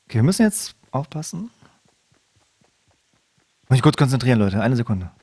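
Guy streaming a shooter, chatty and jumpy, yells when he gets a kill, mutters when sneaking, dry close mic. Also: medium pitch, normal speed, breathy edge, dry recording. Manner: chatty, talks to viewers, bursts into excited shouts. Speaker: game streamer. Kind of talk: live gameplay commentary. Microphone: desk microphone.

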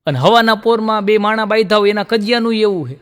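Male folk comic, high voice, long hall reverb. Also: fast talker. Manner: jokey storyteller, laughs at own punchlines. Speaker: comedian. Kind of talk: Gujarati folk comedy storytelling.

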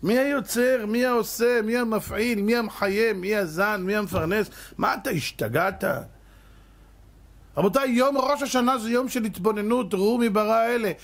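A man, a rabbi, preaching a sermon with fervor and firing off rhetorical questions, swinging between hushed and loud delivery. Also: sits high. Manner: addresses the audience as "gentlemen".

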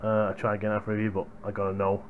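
A man's voice: fairly low pitch, completely flat delivery, rapid-fire, a little hiss or hum. A young man chatting casually to viewers as a hardware reviewer, recorded on a gaming headset microphone. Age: young adult. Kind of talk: casual vlog chat to viewers. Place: small room at home, indoors. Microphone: headset boom microphone.

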